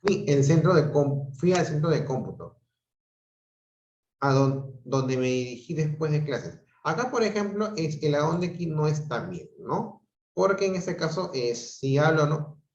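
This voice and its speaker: A man's voice: fairly high pitch, lively intonation, unhurried, darkish tone. A male teacher giving an online grammar class, explaining step by step and checking in with his students often. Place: home room on a video call. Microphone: video call microphone. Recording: roomy, dull video call audio.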